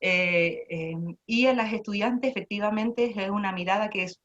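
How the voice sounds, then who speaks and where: A woman's voice: mid-range voice, moderate pace, a bit bright, muffled recording. A woman lecturing on early childhood education. She explains patiently, asks herself rhetorical questions and often restarts her sentences. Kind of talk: online lecture answering a question.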